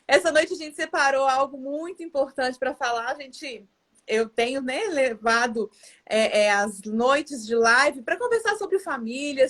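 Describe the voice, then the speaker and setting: High-voiced chatty woman hosting a live stream. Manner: chatty, with frequent fillers and restarts. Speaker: live stream host, educator. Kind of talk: casual live stream chat.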